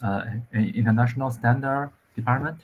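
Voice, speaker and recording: A man from China, an engineer talking over a video call, with many pauses, fillers and restarts. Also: medium pitch, narrow, tinny audio, slight background noise. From central China. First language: Chinese. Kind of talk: casual conversation practice.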